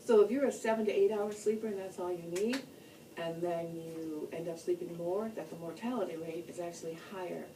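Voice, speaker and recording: A woman's voice: lowish voice, a little fast. A woman giving an informal, plain-spoken educational talk about health, explaining things in a loosely structured way. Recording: distant mic, noticeable background noise.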